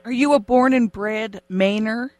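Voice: medium pitch, measured pace, darkish tone, slight background noise. An interviewer asking curious follow-up questions. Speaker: radio interviewer.

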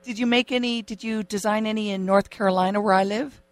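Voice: mid-range voice, fairly even intonation, fast, no echo. Curious interviewer with a dry, close voice. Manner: curious, asks follow-up questions. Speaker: radio interviewer. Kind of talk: interview questions.

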